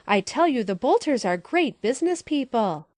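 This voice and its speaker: A woman's voice: on the high side, very animated, normal speed, a little mellow, no room sound. A woman doing an eager chattering little boy. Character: excitable mischievous little boy. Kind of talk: audiobook character voice.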